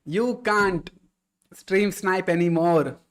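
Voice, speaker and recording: Man, streamer, casual live chat, slightly high voice, relaxed, reads chat aloud, says bro a lot. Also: slow pace.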